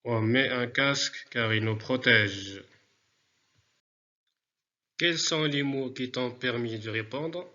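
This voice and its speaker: Slow, bright-voiced male teacher. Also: mid-range voice, dull audio. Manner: slow, deliberate classroom dictation, repeating words. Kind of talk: remote French spelling lesson.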